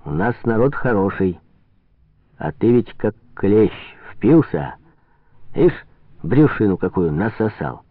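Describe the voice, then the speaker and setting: A man voicing a blunt, hot-tempered working man in a storybook reading, speaking low and gruff. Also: sing-song, slow pace, pauses often, no room sound, exaggerated voice. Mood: mocking. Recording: tinny phone-like sound.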